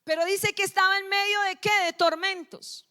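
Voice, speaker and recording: A woman's voice: very high voice, steady tone, normal speed, sharp tone. A middle-aged woman pastor, preaching a sermon and firing questions at the congregation, scolding them at times. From Colombia.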